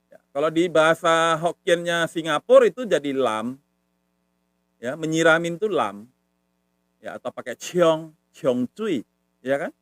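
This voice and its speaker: A man's voice: on the high side, fairly bright tone, dry recording. A man from Medan, Indonesia, giving a casual online language lesson, patiently repeating words to demonstrate tones. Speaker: language teacher.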